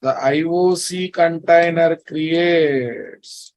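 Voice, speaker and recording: A man's voice: on the high side, fairly even intonation, drawn-out words, a little mellow. A man with a Telugu Indian English accent teaching a programming class, repeating himself and often checking that listeners follow. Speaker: programming instructor. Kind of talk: classroom lecture.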